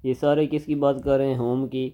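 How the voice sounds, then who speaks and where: A man teaching English grammar in a lecture, explaining in Hindi mixed with English and reading example sentences slowly. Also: mid-range voice, little pitch movement. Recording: dull lo-fi recording with faint noise.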